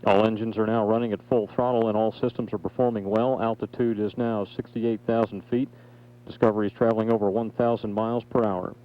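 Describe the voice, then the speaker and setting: A man giving measured, factual mission control radio commentary on a flight's status. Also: fairly low pitch, flat delivery. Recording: dull feed with faint noise.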